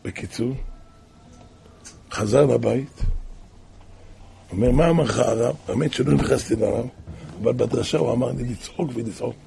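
A man telling a religious tale as a sermon, dropping to hushed asides and then crying out loud repeated calls. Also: vocal fry, pauses often, a little hiss or hum. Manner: shifts from hushed low asides to loud cried-out repetitions. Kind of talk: storytelling sermon.

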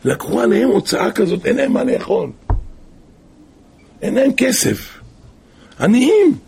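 A man preaching, telling a moral story in an animated storytelling way with wide swings of pitch. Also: creaky, husky.

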